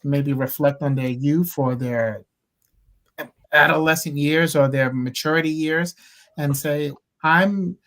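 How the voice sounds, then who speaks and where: A man on a church panel discussion, talking in an animated way and acting out quotes. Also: a little high. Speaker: panel member.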